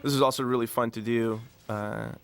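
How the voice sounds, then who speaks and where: Man giving a relaxed DVD commentary. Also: medium pitch, fairly quick, over loud music. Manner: relaxed, rambling, many fillers. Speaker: director.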